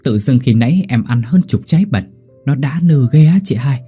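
A man's voice: medium pitch, lively intonation, moderate pace, mellow, husky, soft background music, pitched above the performer's own voice. A man voicing a timid young pregnant country wife, stammering and pleading. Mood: anxious.

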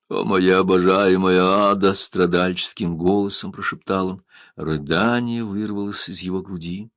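A man narrating an adventure novel aloud in a measured, expressive reading. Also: deep voice, dry recording, clean studio sound. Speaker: audiobook narrator. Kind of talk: scripted narration.

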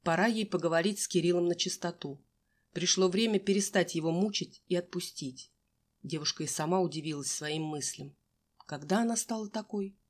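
A woman's voice: lowish voice, brisk. A woman reading a young-adult novel aloud as narrator, giving each character a voice of her own. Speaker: audiobook narrator. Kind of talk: audiobook reading with acted dialogue.

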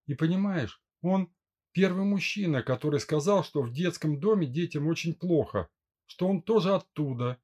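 A man's voice: on the high side, expressive, normal speed, darkish tone, breathy edge, pitched above the performer's own voice. A man reading a young woman in an audiobook, stubborn and pleading in turns. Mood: tearful pleading. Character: young woman, headstrong bride-to-be. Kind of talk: audiobook character voice.

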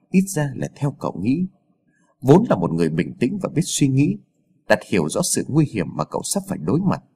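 A man with a husky, breathy voice narrates a scripted horror story. His pitch swings widely as he dramatizes the tense moments. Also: a little mellow.

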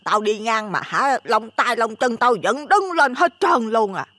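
A man voicing a nosy, superstitious old village woman with a Southern Vietnamese accent, loud and chattering. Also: very high voice, animated, measured pace, no room sound, pitched above the performer's own voice, exaggerated voice. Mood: chatty.

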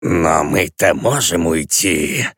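A sated male demon speaks low, slow and quiet, coolly indifferent, as the narrator puts him on. The voice drops below the reader's own and is recorded close and dry. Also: steady tone, no room sound, exaggerated voice. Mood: calm. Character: calm, low, well-fed male demon.

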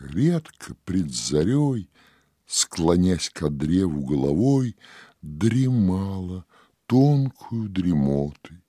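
A man recites narrative verse for an audiobook in a low, husky voice, taking it very slowly. His delivery is dramatic, sinking into whispers and swelling into loud cries. The sound is dry and close, with faint music underneath. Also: no echo. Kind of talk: poetry recitation.

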